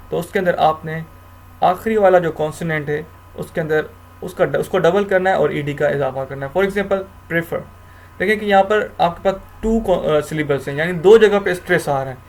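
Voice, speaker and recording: A teacher with a slightly high voice, speaking at normal speed, gives a grammar lecture that explains rules step by step in a mix of Hindi and English. He often repeats himself and restarts.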